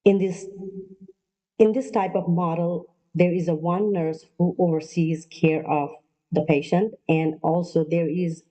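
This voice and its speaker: A woman from Nepal giving an online lecture as a nurse practitioner, pausing often with ums and uhs. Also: fairly low pitch, steady tone, mellow, poor audio. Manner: halting, many ums and uhs. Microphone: video call.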